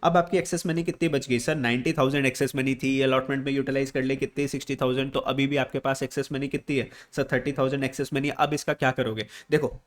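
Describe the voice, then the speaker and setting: A man's voice: medium pitch, steady tone, fast, few pauses. A man teaching an accounts lesson, asking questions and answering them himself, repeating key words, with an Indian English accent on the English terms. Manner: addresses students as beta and sir. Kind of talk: classroom lesson, whiteboard explanation.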